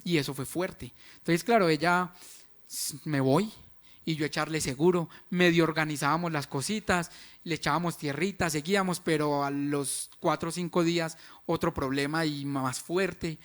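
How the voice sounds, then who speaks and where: A man's voice: on the high side, fairly even intonation, moderate pace, fairly bright tone. A man, frankly telling the story of his marriage in a church testimony. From Colombia. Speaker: husband sharing a testimony.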